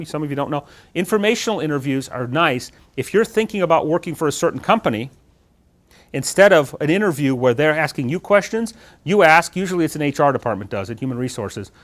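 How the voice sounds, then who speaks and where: Fast-talking animated middle-aged man. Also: a little high. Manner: animated, talks with his hands, asks the audience questions. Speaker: guest speaker on job interviews. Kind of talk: lively classroom talk to students. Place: lecture room with student audience.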